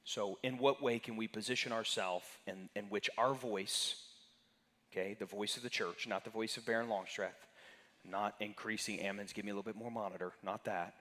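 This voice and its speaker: A man's voice: on the low side, fairly even intonation, normal speed, sharp tone. Pastor man teaching in an echoing sanctuary. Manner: conversational, questions the congregation by name. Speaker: pastor teaching a Sunday class. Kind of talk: interactive church teaching. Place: church sanctuary. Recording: reverberant sanctuary hall.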